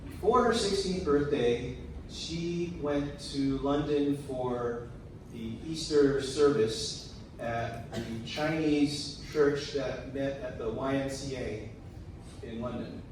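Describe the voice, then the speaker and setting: A man delivering a prepared eulogy in a tender, measured way, with deliberate pauses. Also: mid-range voice, darkish tone. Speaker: son giving a eulogy. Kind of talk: prepared memorial speech. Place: large room at a memorial service. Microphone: picked up from a distance. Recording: very echoey, distant, noisy hall.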